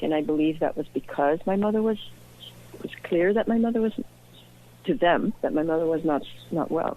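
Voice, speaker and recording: Over a thin, phone-quality connection, a Belgian author being interviewed speaks with earnest reflection. Her voice is lowish with a darkish tone.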